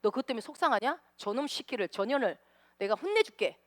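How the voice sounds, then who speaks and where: A woman's voice: a little high, lively intonation, fast talker, no room sound, clean studio sound, natural voice. A woman preacher voicing God as a blunt, doting heavenly father who promises to scold someone. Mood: promising. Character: God the father, stern yet doting male deity.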